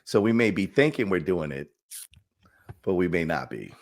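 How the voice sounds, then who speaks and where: A man, a doctor co-hosting a podcast, talking casually in a relaxed, rambling way with lots of fillers. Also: low voice, moderate pace. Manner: relaxed, rambling with many fillers, laughs often. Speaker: doctor co-host.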